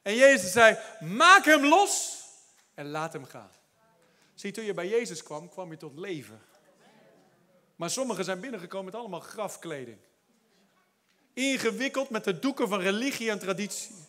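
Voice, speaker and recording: Male pastor, high bright voice, animated sermon delivery with laughs and shouted climaxes. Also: normal speed, long pauses. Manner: animated preaching with laughs and English phrases; builds to shouted exhortation.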